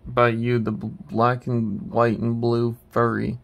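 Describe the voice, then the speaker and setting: A man's voice: mid-range voice, completely flat delivery, measured pace, creaky. A man hosting his channel, chatting casually while ranking a tier list, rambling and hesitant with many restarts. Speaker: channel host.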